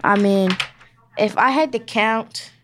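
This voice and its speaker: A woman's voice: medium pitch, slow, noisy background. A young woman improvising a silly role-play game, playful and joking. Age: teen or young adult. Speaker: podcast guest.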